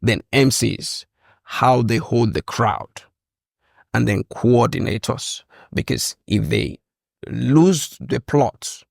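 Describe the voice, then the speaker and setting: Male caterer guest, gravelly and emphatic, repeats himself, dry close sound. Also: medium pitch, slow, dry recording. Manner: emphatic, repeats phrases for stress. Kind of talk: casual interview chat.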